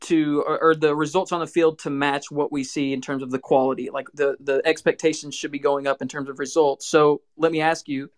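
Male co-host, higher voice, measured debater on a sports podcast. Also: level tone. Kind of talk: casual sports talk on a live audio chat.

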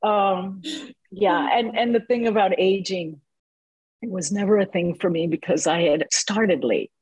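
A woman in her sixties, an actress telling stories in a casual interview, animated and quick to laugh, with many fillers. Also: medium pitch, slightly rough, dry recording, lo-fi sound. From born in Cuba, raised in New Jersey. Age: 60s.

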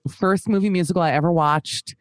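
A woman co-hosting a podcast, chatting casually and animatedly, quick to laugh. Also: lowish voice, clean tone, dry recording, clean studio sound. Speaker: podcast co-host. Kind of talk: casual chat.

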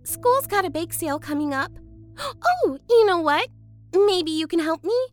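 An actress voicing a gushy, chipper young woman who teaches preschool, speaking in a high-pitched baby doll voice that coos with sweet condescension. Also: sing-song, unhurried, faint music behind, exaggerated voice. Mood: chipper cooing. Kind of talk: audio drama acting.

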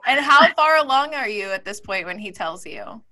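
A woman's voice: mid-range voice, lively intonation, moderate pace, sharp tone. A woman hosting a casual interview, asking short questions and reacting briefly to the guest. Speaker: host.

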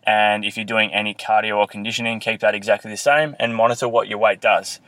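A man hosting a fitness podcast, explaining and coaching earnestly, recorded with low audio quality on a built-in laptop microphone. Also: steady tone, quick pace, a bit bright, no room sound, poor audio. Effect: low quality audio from a built-in laptop mic. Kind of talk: solo podcast, instructional talk.

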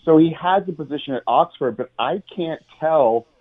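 Over a tinny phone line on talk radio, an American journalist from the United States explains things at length as a guest, earnest and full of ums and restarts. His voice is on the high side, and he talks at a normal speed.

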